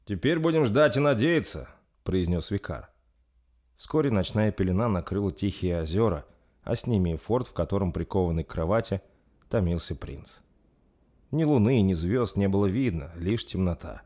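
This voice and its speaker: Male narrator, lowish voice, measured, audiobook fantasy reading. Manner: even, measured storytelling.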